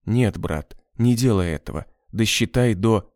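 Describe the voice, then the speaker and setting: A man's voice: fairly low pitch, expressive, measured pace, a little mellow, no echo, clean studio sound. A man voicing a dying male prisoner who speaks weakly and wheezes. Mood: gasping weak. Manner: weak, wheezing.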